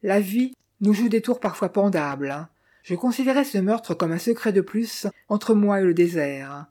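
A reader voicing a weary middle-aged male drifter who calmly tells what he saw, in an audiobook. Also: medium pitch, close to an everyday voice. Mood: wary. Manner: calm, measured storytelling in the first person. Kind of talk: audiobook reading of a character.

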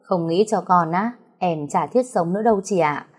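A woman voicing an excitable widowed aunt who talks in a gushing, dramatic way. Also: on the low side, normal speed, husky.

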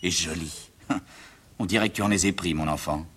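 A man voicing a soft-spoken, doting middle-aged mother, speaking in a hushed, gentle way in a one-man reading of a stage comedy. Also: low-pitched, moderate pace, slightly rough.

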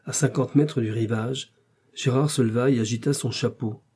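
A man narrating a novel as an audiobook in a steady, measured way, with a husky voice. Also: medium pitch.

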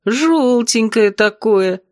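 A woman voicing a big, nosy young bride who drawls her prying questions slowly. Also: a little high, animated, a little mellow, no echo, studio quality.

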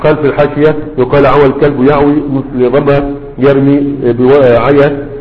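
A man's voice: mid-range voice, little pitch movement, a little fast. A man with an Egyptian accent giving a grammar lesson who keeps checking with his students, asking "right?". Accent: Egyptian Arabic. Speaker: teacher of Arabic grammar. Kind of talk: classroom lecture. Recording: echoey hall, dull lo-fi sound.

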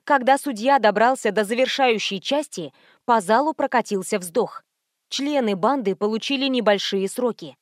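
A woman's voice: a little high, dry recording. Dry, close audiobook narrator, a woman. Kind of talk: scripted narration.

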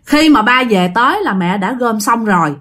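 A woman tells a ghost story in a casual, conversational way, often speaking straight to her audience. Her voice sits fairly high. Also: moderate pace. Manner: casual, animated retelling addressing listeners. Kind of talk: spoken ghost story narration.

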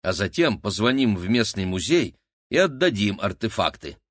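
A man's voice: lowish voice, very animated, moderate pace, no echo, clean studio sound. A man voicing a stubborn, irritated adult explorer in an audiobook. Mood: indignant. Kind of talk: audiobook character voice.

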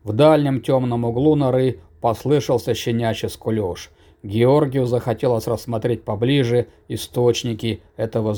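A man reading a fantasy story aloud as an audiobook narrator, steady and measured. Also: medium pitch.

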